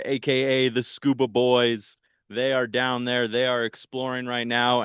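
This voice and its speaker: A man's voice: medium pitch, clean tone, dry recording, studio quality. Enthusiastic man hosting from a boat. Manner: upbeat, enthusiastic, chatty with viewers. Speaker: park program host. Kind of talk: live virtual field-trip presenting. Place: on a patrol boat on a lake, outdoors.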